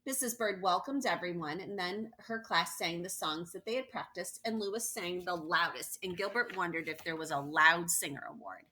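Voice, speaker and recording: Reading a picture book to small children, this woman puts strong emphasis on words and throws in asides as she tells the story. She speaks in a lowish, bright, forceful voice at a moderate pace with few pauses.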